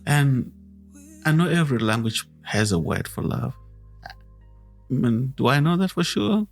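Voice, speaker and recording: Gravelly-voiced man, slow earnest musing. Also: medium pitch, animated, soft background music. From Zimbabwe. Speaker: podcast host. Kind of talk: reflective podcast talk.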